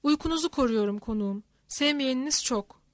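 A woman's voice: sits high, brisk, no room sound, close to an everyday voice. Woman reading as a grave old Calvinist elder.

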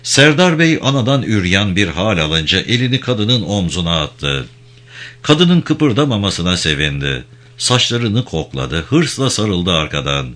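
A man tells a dark story in intense, dramatic narration. His voice is very low but bright and forceful. His pitch rises and falls widely as he reads. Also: very animated, a little slow.

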